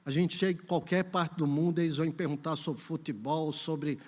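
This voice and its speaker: A Brazilian pastor preaching at a church conference has a fairly high, steady, slightly mellow voice and a moderate pace. He narrates a story, then rallies the congregation emphatically, while a long reverb lingers through the hall.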